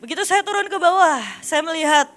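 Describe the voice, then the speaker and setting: Bright high-voiced woman preaching with animated storytelling. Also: fast talker. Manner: animated storytelling, addressing the congregation as "saudara". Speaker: evangelist preacher. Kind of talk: sermon with childhood storytelling.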